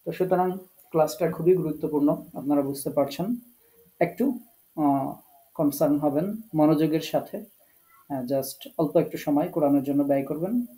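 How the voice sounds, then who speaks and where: A man with a Bangladeshi Bengali accent teaching an online Quran recitation class, explaining earnestly with pauses and English words mixed in. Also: a little high, dark tone, low-quality recording.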